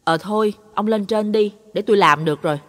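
Woman doing a sharp-tongued nagging wife. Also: brisk, big-room sound, lightly acted. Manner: shrill, scolding and nagging. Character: sharp-tongued middle-aged eatery owner's wife.

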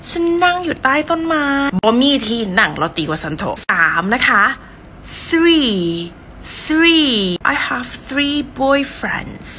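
A young woman with an Isan accent giving a playful, teasing pronunciation lesson and repeating words slowly. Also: sits high, big pitch swings, sharp tone, slight background noise. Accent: Isan (Northeastern Thai). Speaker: pronunciation teacher.

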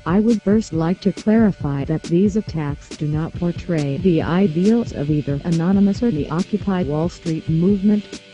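Give me a disguised synthetic computer voice as an anonymous spokesperson, reading a scripted statement in a flat, measured way. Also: medium pitch. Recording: muffled lo-fi audio with faint music.

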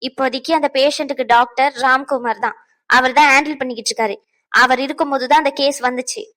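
A woman's voice: fairly high pitch, steady tone, brisk, natural voice, low-quality recording. A woman as a stern lecturing cartoon doctor. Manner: firm, lecturing. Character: stern female doctor insisting on hospital rules. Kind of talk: cartoon dubbing.

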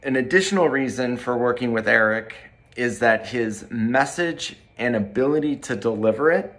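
A man in his forties, a corporate training director, reading a measured, polished testimonial to camera in a bright room by large windows. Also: mid-range voice.

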